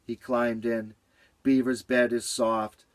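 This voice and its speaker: A man reading a children's story aloud in a gentle, rhythmic way with lots of repetition. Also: mid-range voice, little pitch movement, slow pace, no room sound.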